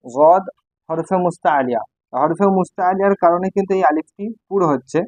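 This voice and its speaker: A man's voice: fairly high pitch, fairly quick, darkish tone, no room sound, low-quality recording. A man teaching Quran reading, spelling out letters one by one and repeating each syllable for learners. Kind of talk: step-by-step recitation lesson.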